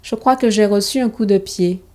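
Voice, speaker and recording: A woman's voice: mid-range voice, moderate pace, warm tone, lightly acted. A woman voicing a young schoolboy who is kind and earnest, in a storybook reading. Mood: meek.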